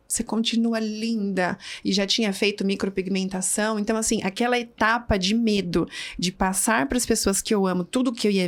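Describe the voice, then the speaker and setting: Woman telling a personal story vividly. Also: medium pitch. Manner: vivid storyteller who acts out quoted dialogue. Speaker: podcast guest. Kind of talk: personal story in a podcast interview.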